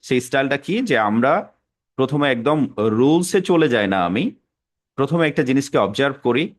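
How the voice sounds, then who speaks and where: A man teaching an English pronunciation class, explaining patiently and repeating example words slowly. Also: medium pitch, lively intonation. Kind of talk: classroom lesson.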